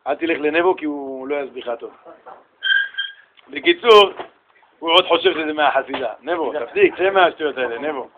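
A middle-aged man from Israel giving a lively storytelling sermon as a rabbi, acting out voices and bantering with his listeners. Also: on the high side, long pauses, narrow, tinny audio, background noise. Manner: animated, acts out voices and shouts in stories, banters with listeners. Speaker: rabbi giving a Torah lesson.

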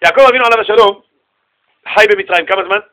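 A man teaching a Torah lesson to students in an animated way, asking them questions and acting out the people in the story. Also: high-pitched. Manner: animated, asks his listeners questions and acts out the people in the story.

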